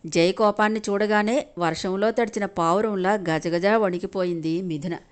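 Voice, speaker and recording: Woman narrating a dramatic audio story. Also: moderate pace. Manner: voices each character, raising pitch and volume for shouted lines.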